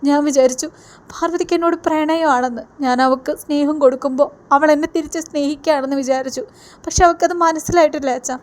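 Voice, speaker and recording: A woman's voice: high voice, fairly even intonation, fast, darkish tone, natural voice. A woman reading the lines of a heartbroken young man pouring out his sorrow to his father in a tearful, pleading way. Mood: grieving.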